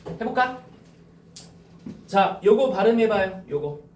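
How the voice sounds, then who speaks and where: A male high school teacher lecturing to a class, slowly dictating key points and often checking whether students follow. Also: animated, darkish tone, echoey room, recorded from a distance, slight background noise.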